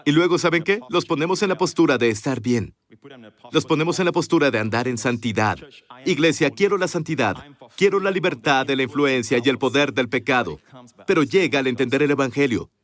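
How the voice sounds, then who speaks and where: A man's voice: medium pitch, brisk. A man preaching a sermon earnestly, speaking directly to his congregation. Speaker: pastor.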